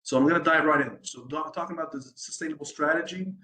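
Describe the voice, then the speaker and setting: A man's voice: on the high side, fast, pushed and bright, echoey room, rough recording. A man from the United States, a sustainability design consultant, giving a presentation at an online event, hesitant with many ums and restarts and a habit of asking "right?".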